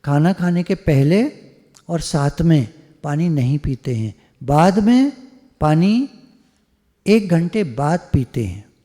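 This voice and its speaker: एक पुरुष आध्यात्मिक वक्ता सत्संग में बातचीत के अंदाज़ में प्रवचन देता है, हल्के मज़ाक के साथ और बीच बीच में अंग्रेज़ी शब्द मिलाकर।. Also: male voice, a little high, lively intonation, slow, dark tone. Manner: conversational, joking, mixes English words. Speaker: spiritual speaker. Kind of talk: devotional satsang discourse. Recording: long hall reverb.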